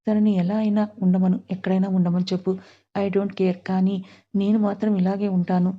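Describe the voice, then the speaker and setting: A cold young husband from a storybook, curt and dismissive, read by a woman without changing her voice. He speaks flatly and keeps things short. The sound is slightly dull and muffled. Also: mid-range voice, moderate pace, close to an everyday voice.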